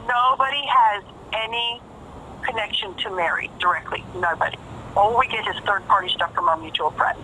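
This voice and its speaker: A woman's voice: mid-range voice, normal speed, pushed and bright, a little hiss or hum. A woman talking casually on a phone call, emphatic and profane, repeating phrases for stress. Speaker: caller.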